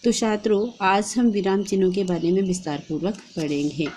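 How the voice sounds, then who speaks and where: A woman with a Hindi accent explaining a lesson plan step by step in a steady, instructive way, as a teacher-training vlogger. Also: mid-range voice, fairly quick, a little hiss or hum. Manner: steady instructive delivery, reading out and dictating.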